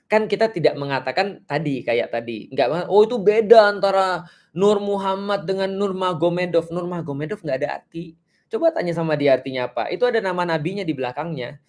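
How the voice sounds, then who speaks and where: A man from Indonesia giving an animated explanatory talk in a religious discussion, acting out short exchanges and laughing at his own jokes. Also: on the high side.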